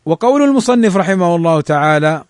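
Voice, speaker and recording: A man teaching the rules of Quran recitation. He reads the rules quickly and draws the examples out slowly. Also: high voice, lively intonation, dry recording, studio quality. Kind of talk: tajweed lesson explaining a text.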